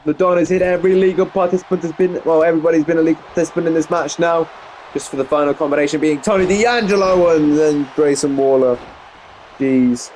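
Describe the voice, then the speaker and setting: A man's voice: fairly high pitch, a little mellow, slight background noise. A young English man casually commentating a wrestling video game, rambling and correcting himself with frequent exclamations. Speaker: gameplay commentator.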